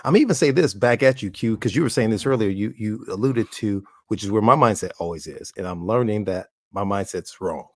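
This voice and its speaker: A man's voice: fairly low pitch, a little fast, hardly any pauses, no echo, clean studio sound. A man co-hosting a podcast, musing aloud in a thoughtful, hedging way. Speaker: podcast co-host. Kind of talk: casual podcast chat.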